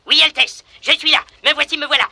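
A man's voice: very high voice, fairly even intonation, fast talker, sharp tone, heavily acted. A man doing a jittery comic manservant. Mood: eager. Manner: stammering, comic, fussy. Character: timid, jittery young male manservant. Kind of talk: storybook record acting.

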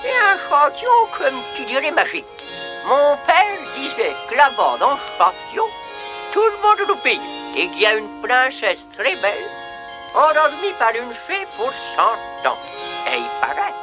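A toothless hundred-year-old codger. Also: male voice, very high voice, huge pitch swings, measured pace, full character voice. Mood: rambling. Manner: rambling, rustic, sing-song repetition. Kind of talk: storybook record acting. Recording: music playing behind. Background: background music.

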